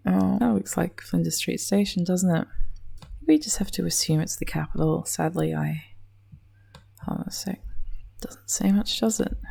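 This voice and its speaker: A woman's voice: mid-range voice, gravelly, warm tone, husky. An Australian woman giving casual gameplay commentary, muttering dryly to herself, swearing under her breath and often dropping into a whisper. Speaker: game commentator.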